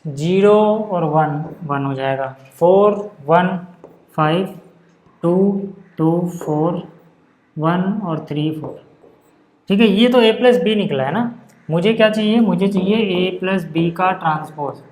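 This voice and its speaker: Chatty high-voiced man teaching maths. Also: slow, darkish tone. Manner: chatty, keeps checking in with the class. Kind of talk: casual classroom lesson. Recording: roomy echo.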